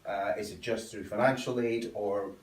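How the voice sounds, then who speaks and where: A man with a lowish voice hosts a sofa interview, asking earnest, measured questions. He sits back from the mic in a bare, echoey room. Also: steady tone, far from the mic. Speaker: host.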